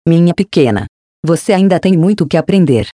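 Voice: medium pitch, lively intonation, brisk, dark tone, no echo, studio quality, lightly acted. Narrator reading a sneering repulsive spirit. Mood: taunting. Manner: sarcastic, taunting.

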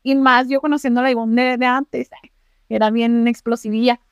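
A woman's voice: a little high, little pitch movement, moderate pace, clean tone, no echo, highs cut off. A young Mexican woman co-hosting a podcast, chatting casually, asking questions and giving advice. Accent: Mexican Spanish. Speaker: podcast co-host. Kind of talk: casual chat.

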